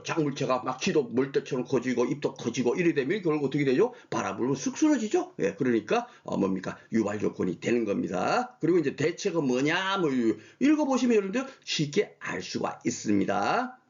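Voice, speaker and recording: A man teaching an exam prep lecture, talking in an animated way, constantly asking rhetorical questions and checking in with his listeners. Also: medium pitch, brisk, vocal fry. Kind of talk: recorded online lecture. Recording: dull lo-fi lecture audio.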